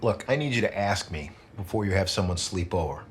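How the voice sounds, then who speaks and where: Blunt dad with swooping intonation. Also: male voice, deep voice, lively intonation, fairly quick, slight background noise. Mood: confused, stern. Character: blunt, awkward, stern but caring father. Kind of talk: television drama acting.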